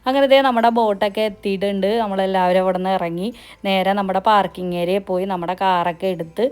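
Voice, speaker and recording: A woman with a Kerala Malayalam accent narrates a travel vlog in a casual, chatty way. She talks very quickly at an average pitch for a woman. English words are mixed freely into her sentences. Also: fairly even intonation, darkish tone, clean tone. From Kerala, India. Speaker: travel vlogger.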